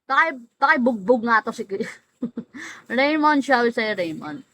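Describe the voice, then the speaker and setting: Lady chatting on a livestream, kinda high voice, teases and drawls names, laughs a lot. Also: expressive, unhurried, pushed and bright, no room sound, rough recording. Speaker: livestream host. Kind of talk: casual live-stream chat greeting viewers.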